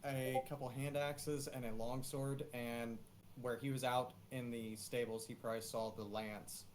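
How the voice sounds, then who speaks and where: A man's voice: mid-range voice, flat delivery, unhurried, slight background noise. A man playing a fighter in a casual tabletop role-playing session, laid-back. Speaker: player.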